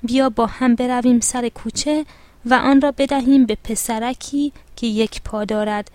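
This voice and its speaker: A woman's voice: fairly high pitch, steady tone, darkish tone, no echo, close to an everyday voice. A woman voicing a kind, patient mother who talks in a soothing, reassuring way. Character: kind middle-aged mother, gentle and patient.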